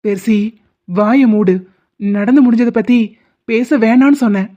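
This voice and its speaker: A woman voicing a calm, level-headed young man in a dubbed cartoon drama, speaking in a steady, firm way. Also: fairly high pitch, a little slow, close to an everyday voice. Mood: stern. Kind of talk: Tamil cartoon dubbing. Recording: dull lo-fi recording.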